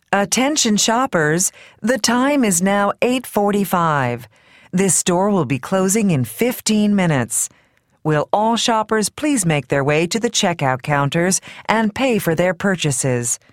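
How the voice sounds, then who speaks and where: A woman reading a scripted supermarket announcement as a store announcer, in an even, measured, clearly spoken way. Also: medium pitch, no echo, clean studio sound. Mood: courteous. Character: polite woman supermarket announcer, calm and businesslike.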